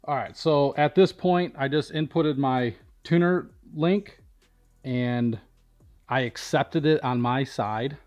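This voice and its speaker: Speaking slowly in a mid-range, somewhat mellow voice, a middle-aged product demonstrator from a powersports tuning shop gives an informal, matter-of-fact walkthrough. The lo-fi recording was made in a large indoor vehicle workshop, with faint music in the background.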